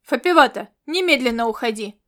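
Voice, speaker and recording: A woman's voice: a little high, steady tone, moderate pace, a bit bright, lightly acted. A woman voicing an angry male military commander who snaps curt orders. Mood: barking.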